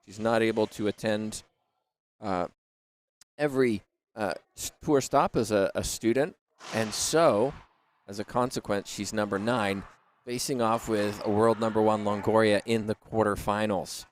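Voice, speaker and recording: A man hosting live racquet sport commentary, speaking in measured, deliberate phrases with pauses. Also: lowish voice. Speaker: sports commentator and broadcast host. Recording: faint background noise.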